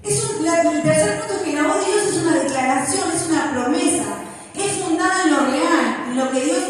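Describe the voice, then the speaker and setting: High-voiced woman preaching in an echoey hall. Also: moderate pace, far from the mic, soft background music. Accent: Rioplatense Spanish. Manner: expressive preaching, acts out inner voices. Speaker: pastor. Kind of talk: sermon. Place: church hall.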